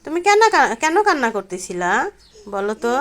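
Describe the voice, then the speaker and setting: A woman, gently asking a toddler questions in a coaxing, sing-song home-video chat on a phone camera. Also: fairly high pitch, very animated, brisk. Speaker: parent filming a toddler.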